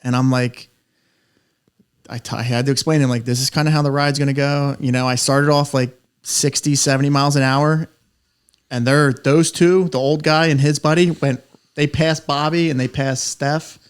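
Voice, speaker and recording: A man's voice: medium pitch, steady tone, normal speed, clear, resonant tone. A man telling rambling, profane stories in casual podcast chat, laughing as he goes. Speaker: podcast co-host.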